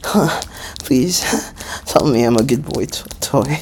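Breathy, slow-talking man, moaning and pleading. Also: mid-range voice, animated, a little mellow, a little hiss or hum. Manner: moaning, shy, pleading, often whispered. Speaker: adult audio performer. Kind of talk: intimate adult audio role-play.

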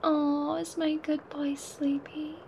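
A woman performing an intimate ASMR roleplay, talking in a soft, breathy whisper with quiet laughs. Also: sits high, level tone, takes it slowly, slight background noise.

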